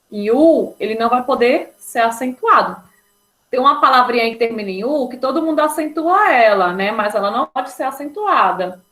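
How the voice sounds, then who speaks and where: A woman's voice: a little high, fairly bright tone, low-quality recording. A woman, a teacher giving an online grammar lesson. She explains patiently, step by step, and keeps checking in with her students.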